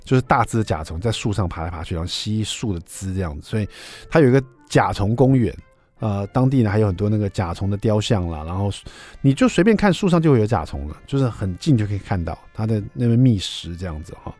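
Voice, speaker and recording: A man's voice: lowish voice, fast, soft background music. A middle-aged man, hosting a radio show and telling a story in a chatty way. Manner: chatty, acts out dialogue with lively voices. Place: radio studio.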